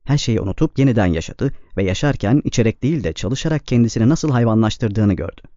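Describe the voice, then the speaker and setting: A man reading a novel aloud as narrator, with a steady, measured delivery, in a slightly dull, dry recording. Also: on the low side, dry recording. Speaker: audiobook narrator. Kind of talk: scripted narration.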